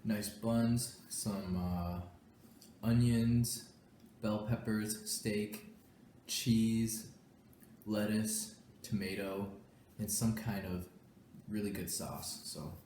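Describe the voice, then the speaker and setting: Young adult man, lowish voice, relaxed mukbang chatter through mouthfuls, roomy echo, faint hiss behind. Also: very slow, pauses often. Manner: talks while chewing, mouth full. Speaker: vlogger. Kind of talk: casual mukbang chat.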